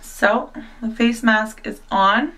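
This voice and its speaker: Her voice sits a little high and is a bit bright, and she takes a slow pace. A young new mother, she chats to camera indoors at home, self-deprecating and full of filler words. The mic is a bit far from her.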